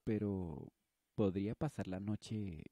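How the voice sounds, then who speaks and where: Runaway teen girl, polite yet stubborn, voiced by a man, slow and husky, storybook reading. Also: on the low side, mellow, no echo. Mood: pleading.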